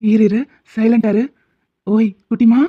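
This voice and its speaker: A woman voicing a teasing, doting young husband in an animated cartoon who worries easily. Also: a little high, unhurried, no echo, highs cut off. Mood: worried doting. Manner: teasing, fussing, affectionate.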